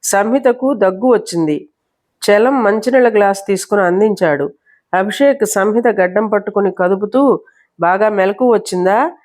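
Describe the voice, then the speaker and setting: A woman's voice: mid-range voice, normal speed, darkish tone. Woman storyteller reading a novel aloud.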